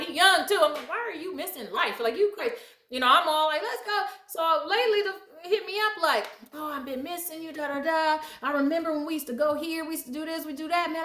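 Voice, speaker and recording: A woman's voice: high-pitched, sharp tone, reverberant. A woman giving blunt life advice in a casual, emphatic and preachy monologue, laughing often.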